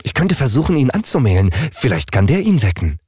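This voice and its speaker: A man's voice: medium pitch, big pitch swings, brisk, mellow, breathy edge, dry recording, clean studio sound, voice pushed up. A man reading an audiobook, voicing an earnest, worried smart refrigerator. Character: anxious smart fridge, worried leader.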